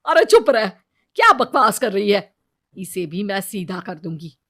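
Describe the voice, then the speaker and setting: A woman's voice: mid-range voice, big pitch swings, a little slow, fairly bright tone, full character voice. A woman voicing a bossy older mother-in-law who scolds and gives orders, in a storybook cartoon. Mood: scolding. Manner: scolding, commanding.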